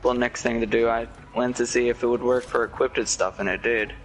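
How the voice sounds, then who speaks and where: A man chatting casually with a streamer as a fellow player, relaxed and matter-of-fact. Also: mid-range voice, a little fast. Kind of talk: casual gaming chat.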